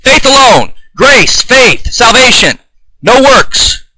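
A man giving an improvised, combative video sermon, reading scripture aloud, often restarting and clearing his throat. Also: very high voice, sing-song, slow, pushed and bright, no room sound, poor audio. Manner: fired-up, combative, denouncing opponents. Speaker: self-taught online preacher.

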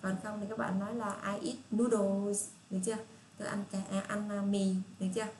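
A woman with a Southern Vietnamese accent teaching children English, patient and repetitive, reading English phrases out slowly. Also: medium pitch, little pitch movement, a little mellow. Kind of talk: casual spoken lesson for children. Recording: echoey room with faint hiss.

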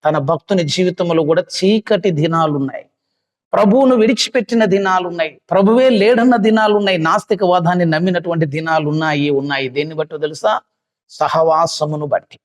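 A man with a high voice preaches to a youth meeting, telling a story with dramatic, impassioned swells. His voice rings out in a hall with long reverb. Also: fairly quick. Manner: dramatic retelling with rising, impassioned cries. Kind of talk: sermon storytelling.

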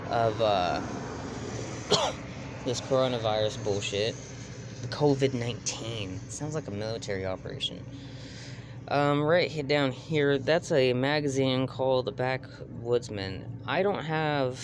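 A man with a Texan accent rambling casually to his phone camera outdoors at night, with many fillers and casual swearing. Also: medium pitch. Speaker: homesteading vlogger. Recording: outdoor night with clear background noise.

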